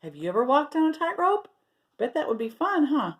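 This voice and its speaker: Reading to a group of children, this female storyteller is expressive and breaks off at times for questions and side comments aimed at them. She pitches her voice high with a sing-song lilt.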